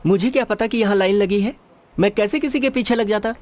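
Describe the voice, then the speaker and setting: A young man defending himself in an argument, dubbed by a man. His voice is high. He argues back defensively, read as dubbed drama acting. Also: brisk, close to an everyday voice.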